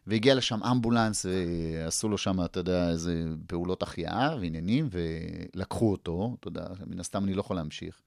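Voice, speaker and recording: A man's voice: creaky, few pauses, no room sound, studio quality. A middle-aged man, a comedian, telling stories in casual chat and acting out quotes with big jumps in his voice. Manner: animated, acts out quotes with big pitch jumps. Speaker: guest comedian. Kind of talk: casual storytelling.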